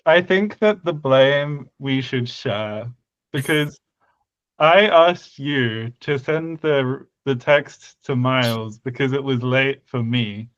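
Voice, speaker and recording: A man's voice: medium pitch, takes it slowly, fairly bright tone, no room sound. A man talks in a dry, wry way over a video call. His audio sounds dull and lo-fi, as if the mic were cheap. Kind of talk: casual video call chat.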